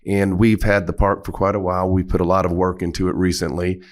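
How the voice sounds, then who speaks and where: A man's voice: deep voice, little pitch movement, fast talker. A man from South Carolina, a guest talking about his businesses in an easygoing, affable way. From Myrtle Beach, South Carolina. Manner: easygoing, affable, lists things with "you know". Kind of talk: casual interview chat.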